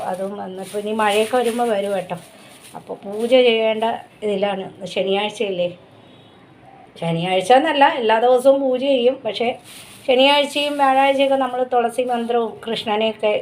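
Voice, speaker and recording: A woman talks casually at home, chatty and easygoing. Her voice sits at an ordinary middle pitch. A faint hiss and some room ambience run behind her. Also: poor audio. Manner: chatty, switches to high coaxing calls to her dog. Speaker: pet vlogger. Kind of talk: casual chat to camera. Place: home in a city in India.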